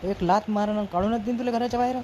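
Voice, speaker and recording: A woman's voice: medium pitch, very fast, dark tone, slight background noise, natural voice. A woman with a Varhadi Marathi accent playing a grumpy, short-tempered husband who scolds and threatens in a village comedy skit. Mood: shouting. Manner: scolding, nagging, blustering threats.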